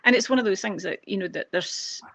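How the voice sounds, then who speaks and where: A woman's voice: mid-range voice, a little fast, vocal fry, a bit bright, no echo. A woman with a Scottish accent, a guest photographer, telling family stories in a chatty way with frequent ums and restarts. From Scotland. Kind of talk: casual conversational interview. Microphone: video call.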